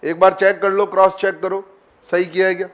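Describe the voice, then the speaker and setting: A man with a high voice teaches a chemistry lesson online. He keeps quizzing his students, coaxing answers out of them and calling on them by name. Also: little pitch movement, fairly quick, a bit bright, dull audio.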